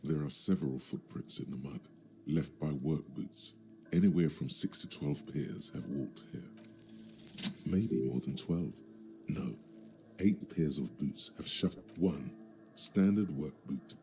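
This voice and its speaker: A very deep sardonic game narrator. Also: male voice, unhurried, warm tone, a little hiss or hum. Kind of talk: video game voice acting.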